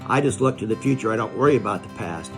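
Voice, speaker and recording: A man's voice: on the low side, lively intonation, fast talker, music in the background. An older man with a plain-spoken, folksy, grumpy old man manner, talking in a casual, reflective monologue. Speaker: video creator sharing life advice.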